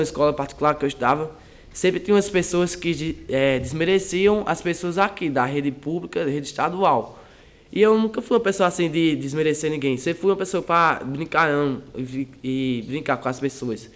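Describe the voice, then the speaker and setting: Teenage high school student, hesitant. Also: male voice. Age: teens. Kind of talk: interview answers.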